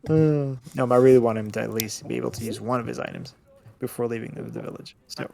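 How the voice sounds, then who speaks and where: A man running a tabletop game as dungeon master, his voice rough with fry. He narrates casually and stops to restart his sentences often. It sounds like a livestreamed home session. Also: mid-range voice, steady tone, fast, warm tone. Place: home setup, streaming online.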